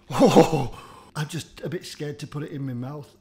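A man whose voice is a bit higher than the typical male voice runs a comedic food-tasting vlog, swearing freely and groaning over each bite with theatrical disgust for laughs. His intonation stays fairly even, his pace is a little quick, and his tone is on the dark side.

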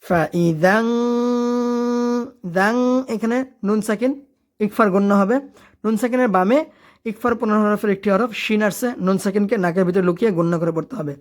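A woman teaching tajweed. She alternates rapid spoken explanations with slow, drawn-out chanted recitation of verses. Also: mid-range voice, steady tone.

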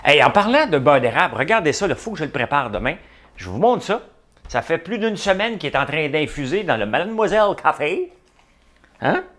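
This livestream host is a middle-aged man with a Quebec French accent whose fairly high, bright voice has a sing-song lilt and a slightly quick pace. He chats casually, reading comments aloud and greeting viewers by name.

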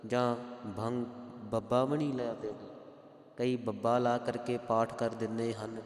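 A man teaching careful pronunciation of scripture, spelling out vowel marks and chanting lines slowly. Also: medium pitch, a little mellow. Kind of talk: slow pronunciation lesson with chanted verses. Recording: echoey room with long reverb.

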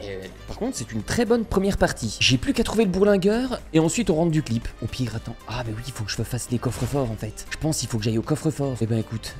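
A man's voice: medium pitch, darkish tone. A young man commentating his gameplay in a casual, slangy way, chatting and joking with viewers. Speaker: gaming YouTuber.

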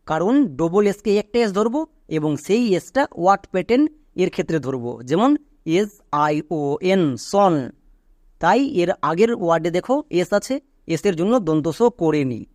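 A man's voice: high voice, darkish tone, no echo. A man teaches English pronunciation step by step. He keeps asking questions and then answering them himself. The recording is close and dry, with no room sound. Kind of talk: spoken lesson.

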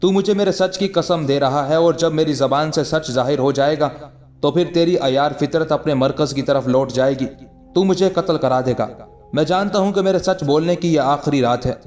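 A man reads a historical story aloud, playing an ascetic holy man who stays calm while mocking others with measured, scornful delivery. The mood is defiant, and his voice sits a little high yet sounds natural.

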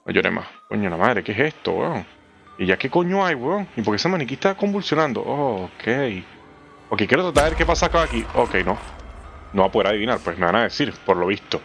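Talking fast over faint background music, this young man with a Venezuelan Spanish accent gives energetic horror game let's play commentary. Profanity comes often, along with sudden squeaky high yelps.

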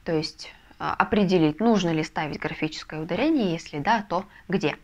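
A woman teaching a video lesson, explaining step by step with patient, soft confirmations. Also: fairly low pitch, brisk, lo-fi sound. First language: Russian. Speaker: Spanish language teacher. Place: language school in a Russian city.

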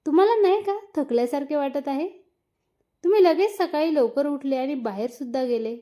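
A woman's voice: high voice, fairly quick, mellow, pitched above the performer's own voice, lightly acted. A woman voicing a shy, nervous young wife who speaks timidly in a read-aloud story. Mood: soft. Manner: timid and hesitant.

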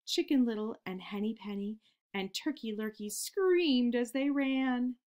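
A woman hosting a children's program, reading a picture book aloud in an expressive storytelling manner. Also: on the high side, unhurried.

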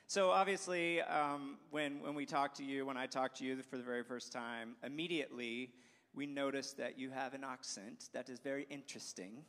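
With a mid-range, fairly bright voice, fairly even intonation and normal speed, this young school staff member interviews a student on a church stage using a handheld microphone. His manner is upbeat, though he often begins sentences again, and a large hall's long reverb fills the audio.

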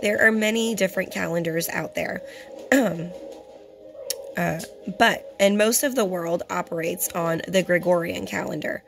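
A young woman with a hoarse, partly lost voice, giving a religious teaching as host and often clearing her throat. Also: lowish voice, a little slow, fairly bright tone, soft background music. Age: young adult. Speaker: fellowship host and Bible teacher. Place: small indoor room. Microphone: phone at arm's length.

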